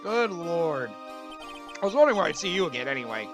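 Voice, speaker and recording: A man's voice: a little high, big pitch swings, brisk, over music. A man hosting a let's play, reading game dialogue aloud with casual commentary.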